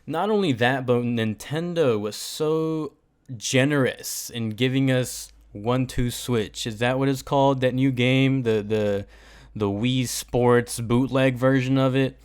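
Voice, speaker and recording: A young man talks his way through a solo podcast, rambling from topic to topic and tossing in jokes and asides. His voice is smooth and clear, sitting at an ordinary middle pitch for a man. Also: slow pace. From United States. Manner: rambling, joking, animated asides. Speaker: podcast host. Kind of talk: casual solo chat.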